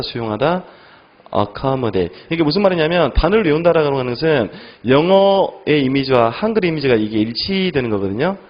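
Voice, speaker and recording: A male English teacher giving an online exam-prep lecture, firing quick questions at students and answering them himself. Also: muffled recording. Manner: animated, lively pitch.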